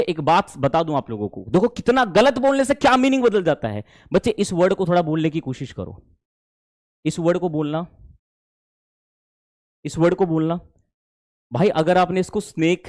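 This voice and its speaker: Lively high-voiced Indian man teaching. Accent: Indian English. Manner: animated, coaxing, calls students "dear children". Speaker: spoken English teacher. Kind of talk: live online class.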